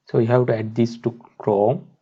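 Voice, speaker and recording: Through a muffled, dull-sounding mic, a man with a husky, medium-pitched voice delivers flat, halting instructions for a software tutorial, one step at a time.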